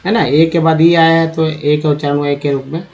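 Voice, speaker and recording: This man's slightly high, level, a little mellow voice moves fairly quickly as he teaches English reading, spelling out words letter by letter and repeating each one in a slow lesson. The recording is dull and lo-fi.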